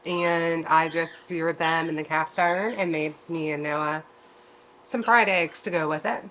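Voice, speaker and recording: Laid-back low-voiced woman chatting at home. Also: steady tone, measured pace, a bit bright, slight background noise. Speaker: keto vlog co-host. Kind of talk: casual chat. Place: home kitchen.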